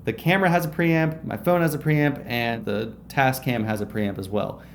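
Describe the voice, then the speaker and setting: In a small indoor room lined with shelves, a young man in his twenties gives an upbeat, casual tutorial to camera, explaining audio tips as a video creator and gesturing a lot as he talks. His mid-range voice moves at a normal speed and is picked up by a close shotgun mic on a stand in front of him, with slight background noise.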